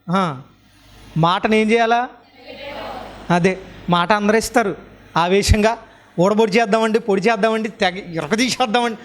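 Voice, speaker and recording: Guy preaching a sermon in a church, keeps asking the crowd questions and tells them to answer out loud, faint hiss behind. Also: high voice. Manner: fires repeated rhetorical questions at the listeners; colloquial, urges the congregation to answer aloud. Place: church hall.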